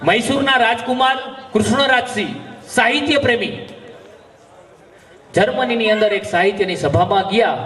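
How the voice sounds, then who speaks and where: A man's voice: high-pitched, normal speed, long pauses, fairly bright tone. A man with a Gujarati accent telling jokes on a live stage, acting out the dialogue. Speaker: stage comedian. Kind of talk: live folk humor storytelling. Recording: echoey live venue from far off.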